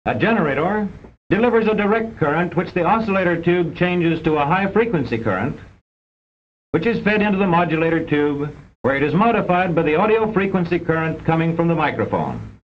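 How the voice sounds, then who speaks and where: A very animated man reads the script for an old educational film a little fast, in a formal, precise, didactic style. The vintage film audio is dull and has a rumbling noise.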